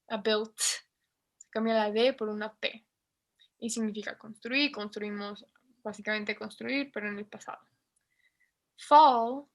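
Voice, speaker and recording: This woman has a fairly high, slightly bright voice and a Mexican Spanish accent. She's giving an online class, a basic English lesson, patiently spelling out pronunciation.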